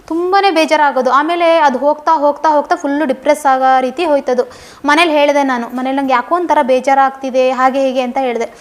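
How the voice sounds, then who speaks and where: A young woman recounts her life story in an interview. Her voice sits high and her words come quickly. She talks earnestly and circles back over phrases for emphasis. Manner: fast, earnest storytelling with repetitions. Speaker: guest giving a testimony. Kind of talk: personal testimony interview.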